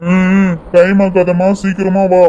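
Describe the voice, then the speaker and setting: ஒரு ஆண் கார்ட்டூனில் அம்மாவுக்காகப் பதறி அவசரப்படுத்தும் கணவனுக்குக் குரல் கொடுக்கிறார். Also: male voice, high voice, monotone, measured pace, dark tone, dull audio, slight background noise. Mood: impatient. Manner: impatient, urgent. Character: anxious hurried husband worried for his mother. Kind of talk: cartoon voice acting.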